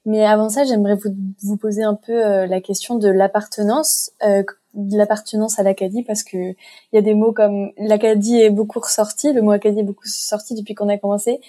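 A woman hosting a podcast, asking interview questions in a measured way. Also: mid-range voice, level tone, warm tone. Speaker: podcast host.

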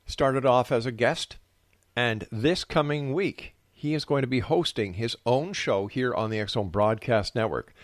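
Radio host guy doing his show intro, medium pitch, dry studio sound. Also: unhurried, no room sound.

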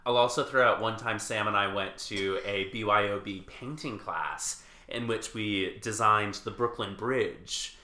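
A woman's voice: a bass voice, a little slow, bright, forceful tone. A woman co-hosting a casual chat. She tells anecdotes and keeps breaking into laughter. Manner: laughing storyteller. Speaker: podcast co-host. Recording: echoey room.

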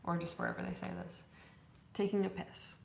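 A young woman co-hosting a podcast in relaxed casual chat, explaining slang. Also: medium pitch, brisk, creaky, reverberant, a little hiss or hum. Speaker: podcast co-host.

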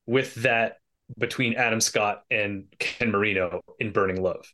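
A man's voice: fairly low pitch, bright, forceful tone, slight background noise. A man co-hosting a podcast, chatting casually about a TV show, often stalling with "um" and repeated words. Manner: halting, searches for words with "um" and repeats. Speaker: podcast co-host. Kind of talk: casual TV recap chat.

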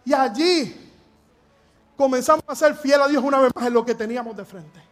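High-voiced Puerto Rican pastor preaching. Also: male voice, moderate pace, faint music behind. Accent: Puerto Rican Spanish. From Puerto Rico. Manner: earnest, emphatic preaching. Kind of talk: sermon.

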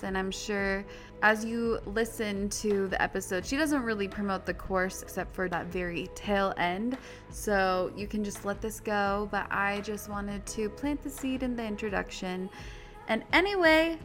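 Female podcast host, standard American accent, chatty and self-deprecating, mid-pitched voice, music behind. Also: fairly bright tone. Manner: giggly, self-deprecating asides. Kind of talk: casual, chatty scripted-free podcast introduction.

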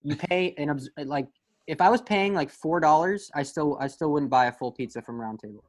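语调偏高的男声，夸张吐槽. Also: male voice, fairly high pitch, brisk. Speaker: podcast co-host. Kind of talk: casual podcast chat.

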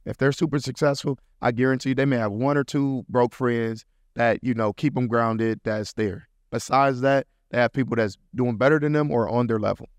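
A man's voice: medium pitch, fairly even intonation, moderate pace, few pauses, dry recording. A man hosting a podcast, giving a casual motivational talk in slangy, repetitive, preachy phrasing, and acting out quotes now and then. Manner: preachy, repeats points, slangy, acts out quotes. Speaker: podcast host.

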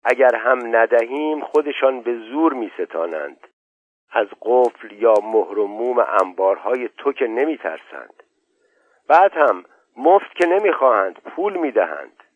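A man's voice: mid-range voice, animated, slightly rough. A man voicing an older landowner who coaxes and placates his younger brother. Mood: coaxing. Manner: coaxing, persuasive. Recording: dull, dry lo-fi audio.

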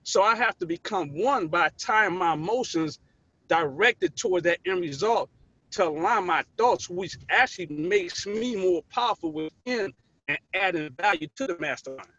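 A man's voice: sits high, expressive, moderate pace, pushed and bright, dry recording. A man in a group discussion joining over a buzzy, glitchy online call that breaks up, talking earnestly and restarting words as he thinks. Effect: buzzy, glitchy online call audio that breaks up. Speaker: mastermind group member. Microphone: remote call connection. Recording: muffled, dry call line.

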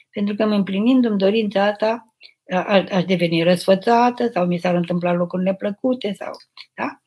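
An older woman with a husky, breathy voice speaks in a gentle and motherly way. She answers viewers' questions slowly, as an abbess giving counsel live. Her pitch sits in a middle register. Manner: gentle, motherly, unhurried, addresses listeners tenderly. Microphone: live stream microphone.

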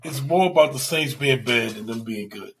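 A man's voice: medium pitch, normal speed, slight background noise. A man co-hosting a sports podcast in casual, slangy fan banter, often repeating phrases for emphasis.

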